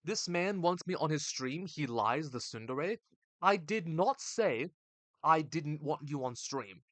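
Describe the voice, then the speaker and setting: A man's voice: fairly high pitch, animated, measured pace, fairly bright tone, dry recording. A young man live-streaming, casually reading chat aloud and bantering back in a slangy, laid-back way on a desk mic. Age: young adult.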